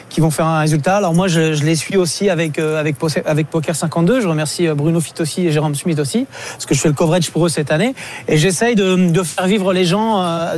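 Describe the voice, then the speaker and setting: A man with a Southern French accent, a poker commentator, telling stories in quick, excited casual chat with many fillers. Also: sits high, a little hiss or hum. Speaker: poker tournament commentator calling in.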